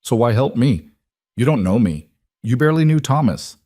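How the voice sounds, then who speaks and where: A man's voice: mid-range voice, sing-song, moderate pace, mellow, pitched above the performer's own voice. A man voicing an exhausted, frightened young widow, her voice breaking and pleading. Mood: questioning.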